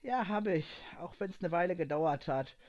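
A man's voice: high-pitched, expressive, moderate pace, a little mellow. A man voicing a tough, wounded young woman fighter in a story reading, tired but determined. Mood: weary. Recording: dull lo-fi recording.

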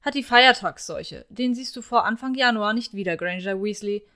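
A woman's voice: mid-range voice, moderate pace, bright, forceful tone. A woman voicing a sarcastic young wizard man with a scratchy throat, speaking in a theatrical, mocking drawl.

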